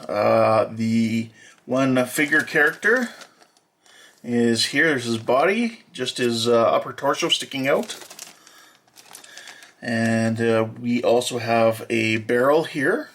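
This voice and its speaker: A man walking through an unboxing as a hobby model builder, talking in a plain, matter-of-fact way with many filler pauses. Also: medium pitch, fairly bright tone. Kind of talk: unboxing walkthrough.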